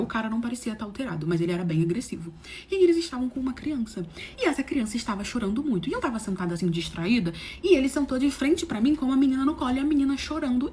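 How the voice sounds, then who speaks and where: Brief: carioca woman in her twenties, storytime monologue, rapid-fire and dramatic, slightly high voice. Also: slight background noise. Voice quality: expressive, dramatic storytelling with big swings in pitch.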